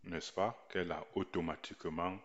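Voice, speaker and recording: A man teaching a writing lesson in a slow voice-over, repeating each point deliberately. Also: low-pitched, fairly even intonation, a bit bright, muffled recording. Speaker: language teacher.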